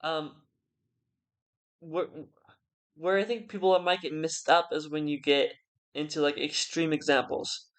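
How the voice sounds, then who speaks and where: Someone drunk, rambling casually through an argument in halting phrases that trail off. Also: medium pitch, fairly even intonation. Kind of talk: casual rambling philosophical monologue.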